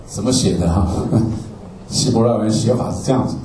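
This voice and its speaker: Speaking briskly in a fairly low, mellow voice, a man works through Bible class slides word by word, repeating himself, trailing phrases with "ah" and asking "okay?" often. The distant mic sounds roomy, with faint ambience and slight background noise.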